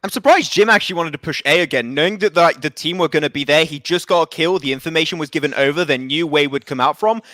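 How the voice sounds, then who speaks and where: Fast excitable male esports caster. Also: fairly high pitch, no room sound. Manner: excitable, rises to shouts on big plays. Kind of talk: live game commentary.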